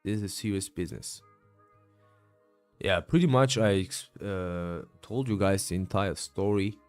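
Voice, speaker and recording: Low-pitched and measured, this man's voice has a darkish tone, and faint music plays behind him. He's a day trading streamer in his late twenties, tired after a long session, casually walking through his trades and replying to chat with plenty of fillers and a lot of "bro."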